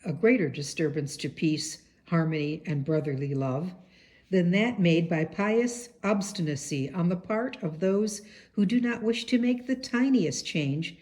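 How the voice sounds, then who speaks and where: A woman reading a biography aloud as an audiobook, in a measured, earnest way. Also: lowish voice, a little mellow. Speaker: audiobook reader. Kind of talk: read-aloud biography narration.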